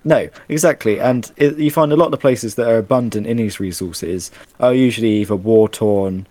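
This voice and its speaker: Ranting man, lowish voice. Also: fairly quick, dry recording. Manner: animated, ranting, exasperated. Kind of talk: casual chat.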